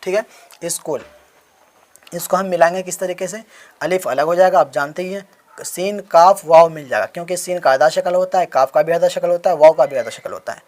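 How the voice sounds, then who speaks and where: A man's voice: on the high side, a little fast, darkish tone. A man teaching Urdu handwriting, patiently spelling out letters one by one and answering his own questions as he writes. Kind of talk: explanatory handwriting lesson.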